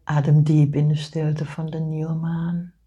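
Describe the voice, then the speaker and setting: A woman leads a guided meditation in a low, mellow, breathy voice. She speaks very slowly and gently, often sinking into a soft whisper. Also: little pitch movement, lo-fi sound. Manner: slow soothing delivery, often whispered.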